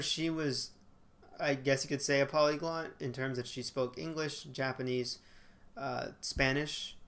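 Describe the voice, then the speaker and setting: Medium-pitched with a fairly bright tone, this young man in his twenties records a casual monologue to his webcam in a small bedroom. He uses lots of fillers and frequently corrects himself.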